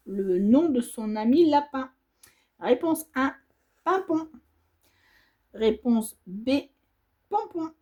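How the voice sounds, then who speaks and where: With a fairly high, mellow voice, a woman who vlogs about embroidery keeps stitching while she runs through a casual quiz, reading each option and pondering it hesitantly.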